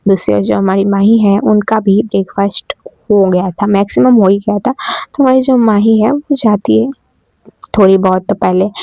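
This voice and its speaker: A woman's voice: medium pitch, vocal fry, warm tone, no echo, lo-fi sound. Give me a chatty woman narrating an audio story, dry close sound. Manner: chatty, addresses listeners directly.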